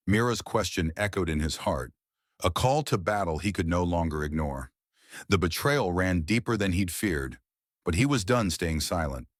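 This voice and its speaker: A man narrating a family drama story in a measured, dramatic way. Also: low voice, no room sound, studio quality. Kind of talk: scripted narration.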